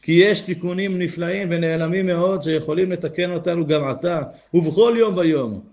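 A man's voice: high voice, a little mellow. A man giving a Torah lesson, reading texts aloud and explaining them earnestly, his voice rising to stress key points. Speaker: Torah teacher.

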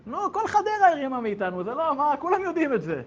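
A man's voice: very high voice, sing-song, lo-fi sound, slight background noise, pitched above the performer's own voice. A man doing a brusque kibbutz farm boss. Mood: exasperated. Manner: brusque, exasperated questioning. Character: gruff puzzled kibbutz fish farm manager.

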